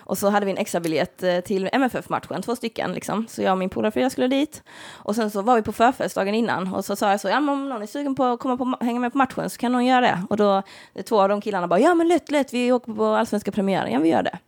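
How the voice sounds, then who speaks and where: Gravelly woman, dry close sound. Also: medium pitch, hardly any pauses, no echo. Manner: chatty anecdotes, quotes people, laughs loudly. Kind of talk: casual chat.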